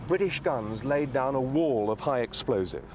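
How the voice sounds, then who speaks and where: A man narrating a history documentary in a clear, expressive scripted delivery. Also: medium pitch, moderate pace, slight background noise. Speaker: documentary presenter.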